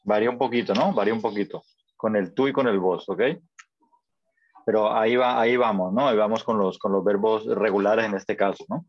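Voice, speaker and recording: A man's voice: lowish voice, fairly even intonation, fairly quick, dry recording. A man teaching a Spanish class over a video call, patient and encouraging, often checking that students follow. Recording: dull lo-fi call audio.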